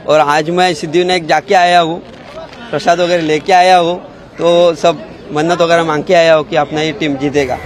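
Brief: man, 30s, slightly high voice, eager and chatty, outdoor handheld interview. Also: level tone, moderate pace. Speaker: cricket fan. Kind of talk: street interview. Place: crowded street outdoors. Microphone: handheld reporter mic.

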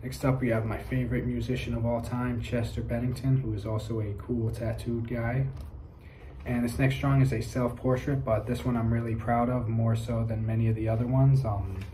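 A man's voice: mid-range voice, level tone, moderate pace, dark tone. A young man vlogging casually at home, upbeat and a bit rambling as he shows his drawings to the camera. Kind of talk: casual chat. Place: indoor room with brick wall. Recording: echoey room, faint noise.

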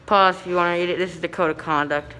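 A man's voice: high-pitched, fairly even intonation, fast talker, pushed and bright. A man filming and narrating a walk through an indoor shopping mall on his phone, talking to viewers with frequent ums. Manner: hesitant, many ums, talks to viewers. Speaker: vlogger filming elevators. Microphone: handheld phone camera. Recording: noisy mall ambience.

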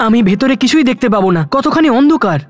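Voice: medium pitch, big pitch swings, quick pace, faint music behind, natural voice. A performer voicing Aladdin, a poor young man in a cartoon, earnest and wondering. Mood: wary.

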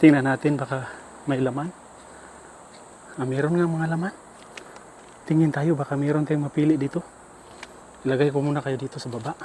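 A man's voice: on the high side, steady tone, normal speed, long pauses, dark tone, a little hiss or hum. Chatty Filipino man vlogging outdoors. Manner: chatty, addresses viewers often. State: out of breath and sweaty. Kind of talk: casual vlog narration while dumpster diving. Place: outdoors by trash bins in hot weather. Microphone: self-filmed camera.

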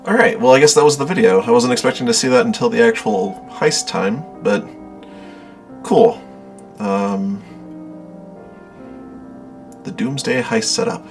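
Male gameplay commentator: casual delivery, mid-range pitch, prominent music behind. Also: sing-song, a little slow, long pauses. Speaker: video game player and commentator. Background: game music.

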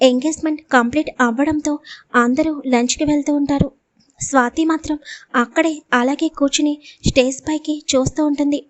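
A woman storyteller reading a scripted audio story with steady, dramatic narration, close to the mic. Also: sits high, fairly quick, no room sound.

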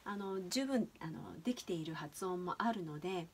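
A woman's voice: on the low side, animated, normal speed, slightly rough. A woman teaching English pronunciation in a casual video lesson, chatty and explaining step by step with many fillers.

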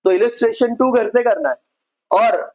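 A man's voice: extremely high pitch, normal speed, a little mellow, low-quality recording. A male accounts teacher giving a classroom lecture, explaining step by step and checking in with his students. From India.

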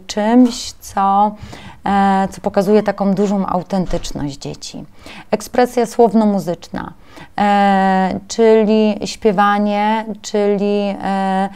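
A woman presenting a webinar lecture to preschool teachers, often pausing with filler sounds as she explains her slides. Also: medium pitch, mellow, clean tone.

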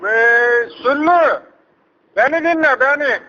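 A man's voice: very high voice, slow pace, bright, forceful tone, exaggerated voice. A man playing a hard-of-hearing, rambling, persistent old village uncle in a prank phone call. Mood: rambling, insistent. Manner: repetitive, rambling, asks people to speak up. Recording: dull lo-fi phone prank recording.

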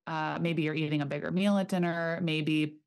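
A woman's voice: low-pitched, fairly even intonation. Earnest young woman health guest. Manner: earnest, explanatory, speaks fast in runs. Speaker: chiropractor guest. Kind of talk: casual interview explaining. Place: home room. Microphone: desk studio mic, remote call.

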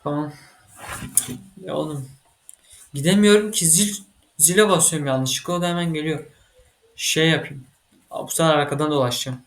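A man giving casual let's-play commentary as he plays a computer game, excitable and quick to get frustrated, swearing at the game. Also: a little high. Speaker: gaming channel host.

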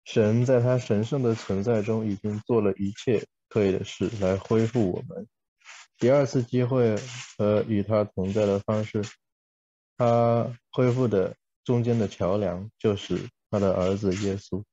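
A man with a deep, very mellow voice interprets live, relaying each sentence right after the speaker. He now and then catches himself and corrects a word. The sound is muffled and lo-fi, like audio from an online call. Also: fairly even intonation, moderate pace, slight background noise.

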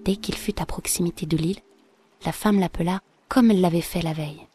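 Brief: female storyteller, lower voice, calm measured reading, soft music underneath. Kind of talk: scripted narration of a folk tale.

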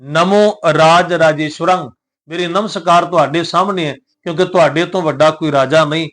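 A man teaching scripture, who chants verses slowly and deliberately and then explains them word by word in a reverent, polite manner. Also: a little high, fairly even intonation, fairly bright tone. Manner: devout and reverent, addresses listeners politely.

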